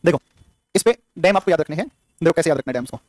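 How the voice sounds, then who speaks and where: Fast-talking high-voiced male teacher. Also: expressive, darkish tone, no room sound. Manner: drills students with repeated questions and answers; jokey, scolds the class playfully. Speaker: geography teacher. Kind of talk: live classroom lecture.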